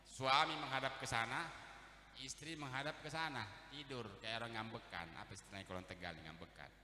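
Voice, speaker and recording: A man's voice: mid-range voice, brisk, sharp tone. A man giving a humorous sermon, teasing and quizzing the audience. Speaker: preacher. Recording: echoey hall.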